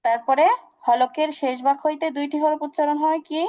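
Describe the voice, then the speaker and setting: Teaching a recitation class online, this woman speaks in a high-sitting, mellow voice with a steady tone. Her manner is patient: she repeats examples slowly and keeps asking her students questions.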